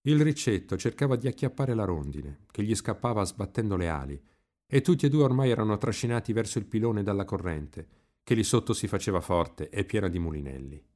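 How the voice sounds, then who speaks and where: A man reading a novel aloud in an expressive, lively literary narration. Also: lowish voice, a little fast. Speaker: reader.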